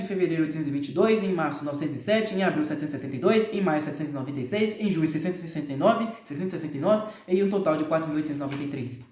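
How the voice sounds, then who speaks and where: Male reader with a Brazilian accent and a high-set voice. Casual, hesitant delivery of long figures, with crude asides. Echoey room sound. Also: a little mellow. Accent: Brazilian Portuguese. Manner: reads long figures aloud with frequent hesitations and offhand, profane asides. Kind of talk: casual reading aloud of a nonfiction book.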